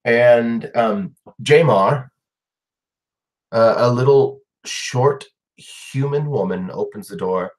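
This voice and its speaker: A man improvising tabletop game narration as game master, in a halting way. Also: mid-range voice, low-quality recording.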